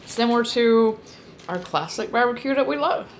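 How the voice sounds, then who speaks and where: A woman's voice: on the high side, expressive, normal speed. Woman chatting through a snack review, background noise. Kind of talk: casual chat, food tasting review.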